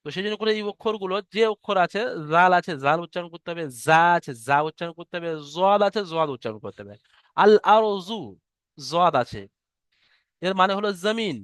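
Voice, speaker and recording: High, clear-voiced man teaching recitation. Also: expressive, fairly bright tone, no room sound, clean studio sound. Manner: chants Arabic verses slowly, explains pronunciation patiently. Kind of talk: online tajweed lesson.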